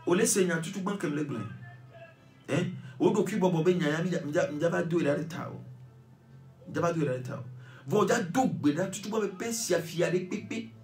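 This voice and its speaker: A man's voice: on the high side, a little fast, a little mellow, faint music behind. A Togolese man, an evangelist, leading a fervent prayer sermon and chanting repeated phrases while urging listeners to pray. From Togo.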